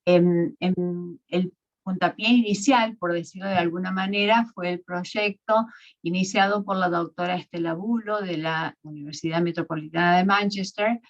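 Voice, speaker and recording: A woman from Argentina, giving an academic lecture in a measured way, with fillers and self-corrections. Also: lowish voice, fairly even intonation, dull audio. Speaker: guest lecturer.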